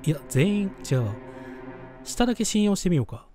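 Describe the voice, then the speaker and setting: A man playing a horror game, reading its story text slowly aloud and reacting with casual, nervous asides. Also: high-pitched, sing-song, dark tone, soft background music. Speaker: game streamer.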